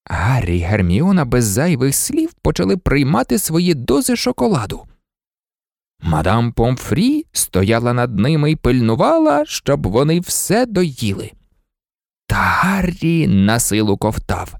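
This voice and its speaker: A man narrating an audiobook in a dramatic, expressive way. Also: medium pitch, unhurried, vocal fry, no room sound, clean studio sound. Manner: dramatic, lively.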